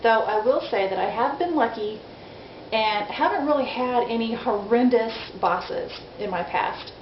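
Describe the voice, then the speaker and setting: Her voice sits on the high side and is expressive, with a measured pace, as this woman in her forties vlogs candidly and mocks herself a bit. The casual diary was captured in dull lo-fi sound in an echoey room with faint noise.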